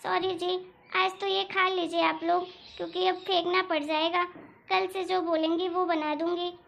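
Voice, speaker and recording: Cartoon daughter-in-law, young and meek, politely pleading, very high gravelly voice. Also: female voice, level tone, moderate pace, fairly bright tone, exaggerated voice. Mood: apologetic. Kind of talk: animated cartoon voice acting.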